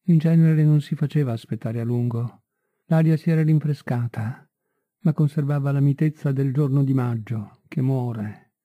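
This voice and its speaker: A man reading a literary story aloud in a measured, unhurried way, on a tinny, dry recording. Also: medium pitch, dry recording. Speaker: audiobook reader. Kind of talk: literary audiobook narration.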